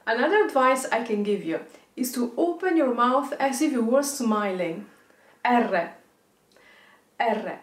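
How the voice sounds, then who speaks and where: Female Italian-accented language teacher, slightly high voice, enunciating rolled R drills in a roomy recording. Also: expressive, normal speed. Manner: demonstrates rolled R exercises, enunciating example words. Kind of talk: instructional pronunciation lesson. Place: indoor studio with plain backdrop.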